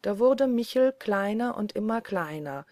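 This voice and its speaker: A woman narrating a fairy tale audiobook in a measured, deliberate way. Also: mid-range voice, expressive, a little mellow, dry recording. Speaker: audiobook reader. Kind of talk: storybook narration.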